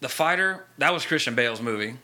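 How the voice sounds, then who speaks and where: Man, podcast co-host: quick, bright, jokey banter. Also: mid-range voice, lively intonation. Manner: jokey, quick to riff and laugh. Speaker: podcast co-host reviewing movie trailers. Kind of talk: casual chat.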